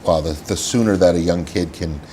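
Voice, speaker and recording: Local TV host, man, deep voice, friendly interviewer tone. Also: brisk, mellow, slight background noise. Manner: friendly, scripted welcome then chatty questions. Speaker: host of a local business show.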